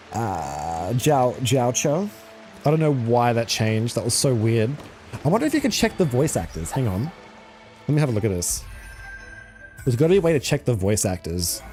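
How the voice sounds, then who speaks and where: A man streaming a game live, reacting loudly, swearing freely and thinking out loud as he plays. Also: mid-range voice. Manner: excitable, swears a lot, thinks aloud. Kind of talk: casual live-stream commentary. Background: faint game music.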